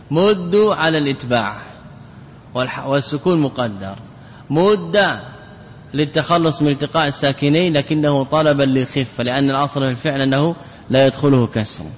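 A man's voice: medium pitch, brisk. A man, a sheikh teaching Arabic grammar, lecturing in class, repeating examples aloud and quizzing his students. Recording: reverberant hall recording, faint noise.

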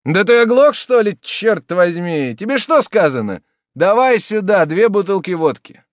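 A man's voice: moderate pace, no room sound, clean studio sound, close to an everyday voice. Man doing a furious, reckless drinker. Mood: angry defiant. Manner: shouting, high and strained. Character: drunk, desperate man turning reckless and defiant.

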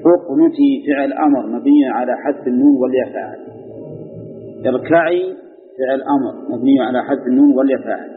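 A man's voice: mid-range voice, quick pace. A man teaching Arabic grammar to a class, repeating rulings and quizzing his students. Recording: phone-like sound with long hall reverb.

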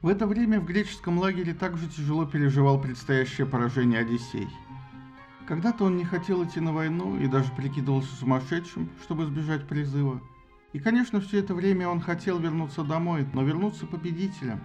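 Male narrator, gravelly, higher-toned, ironic audiobook reading, soft music behind. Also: fast talker. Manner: expressive, ironic storytelling.

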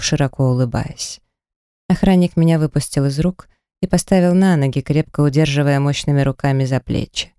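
A woman narrating a first-person audiobook novel with dramatic, emotional reading. Her voice is mellow and smooth, recorded close and dry. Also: low voice, dry recording.

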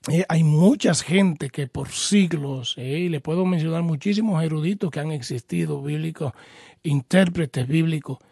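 A man's voice: fairly high pitch, normal speed, gravelly, darkish tone, breathy edge, dry recording, clean studio sound. A man hosting a call-in program as a pastor, answering Bible questions patiently and explaining with everyday examples, calling the caller brother. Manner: addresses the caller formally as brother.

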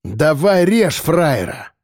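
A man's voice: on the high side, big pitch swings, slow pace, a little mellow, dry recording, studio quality, exaggerated voice. A man voicing a brutal male convict gang leader who barks crude slang threats, in an audiobook. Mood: menacing. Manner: coarse, barking slang threats.

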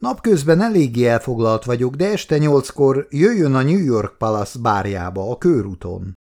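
A man voicing a busy middle-aged client who talks briskly and a little irritated on the phone in an audiobook. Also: mid-range voice, big pitch swings, a little mellow. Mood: curt.

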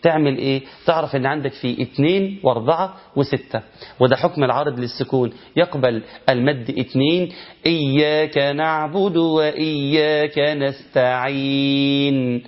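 A man with an Egyptian Arabic accent teaching a tajweed lesson, asking rhetorical questions and chanting verse examples slowly. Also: medium pitch, highs cut off. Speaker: Quran recitation teacher.

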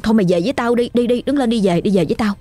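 A woman's voice: a little high, rapid-fire, mellow, no echo, faint music behind, lightly acted. A woman voicing a frightened young boy calling out urgently to his friend. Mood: frantic.

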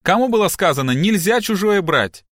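A man voicing a distraught, sharp-tongued middle-aged wife and mother in an audiobook, with sharp, agitated outbursts. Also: mid-range voice, lively intonation, normal speed, dry recording, studio quality, lightly acted. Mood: indignant.

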